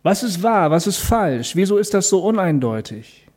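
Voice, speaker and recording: Guy doing a calm faith talk, kinda high voice but warm and soft, talks right to you, lots of questions. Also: normal speed. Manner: explains calmly, speaks directly to the listener; asks rhetorical questions.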